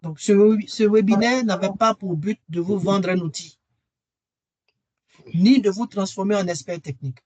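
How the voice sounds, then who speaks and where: A man's voice: high voice, unhurried, a little mellow, no room sound. A man presenting a webinar and earnestly persuading listeners to join his training course, repeating key phrases for emphasis. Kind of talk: webinar sales pitch.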